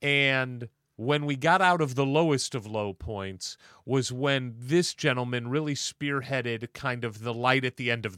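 A man's voice: medium pitch, smooth, no echo. Middle aged guy cohosting a podcast, laid back storyteller, dry close sound. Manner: storytelling, relaxed. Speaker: podcast co-host. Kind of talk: casual podcast chat.

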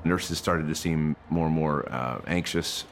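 A man's voice: a bass voice, unhurried, a little hiss or hum. A man telling a personal account in a documentary interview. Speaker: interviewee recalling a hospital stay. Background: faint music.

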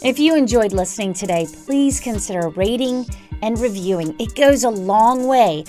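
A woman's voice: a little high, animated, moderate pace, warm tone. A woman hosting a news podcast, reading scripted investigative narration as a reporter. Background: music.

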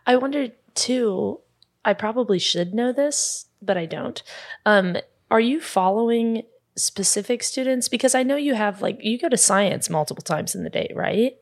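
A woman's voice: on the high side, lively intonation, normal speed. A woman co-hosting an interview, asking curious, friendly questions in a casual tone. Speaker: podcast co-host.

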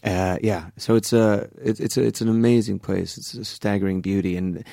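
Low gravelly man, relaxed talk. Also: moderate pace, dry recording, studio quality. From Guatemala, raised in Miami. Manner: relaxed, thoughtful, many fillers and restarts. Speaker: actor guest. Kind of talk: casual interview chat.

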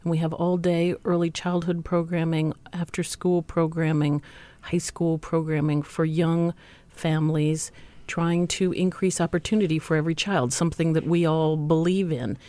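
A nonprofit leader answers an interview question, building steady rhythmic lists. The voice is mellow and the sound is dry. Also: medium pitch, normal speed, no echo.

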